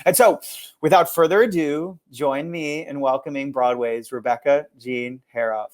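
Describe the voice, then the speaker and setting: A man hosting a live-streamed interview series over a video call, talking quickly and upbeat with many fillers. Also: fairly high pitch, steady tone. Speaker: host of a virtual theater tour series.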